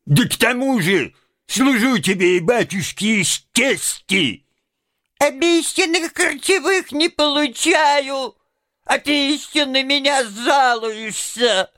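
A squeaky little house goblin, mischievous, lively jumpy pitch, drags his words out. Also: slow, full character voice. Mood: indignant. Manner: squeaky falsetto jumping to a deep bass.

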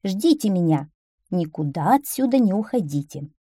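A woman's voice: lowish voice, very animated, normal speed, dark tone, no room sound, studio quality. A woman voicing a caring old mother duck who speaks tenderly to her ducklings and warns them in a storybook reading. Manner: tender and warning.

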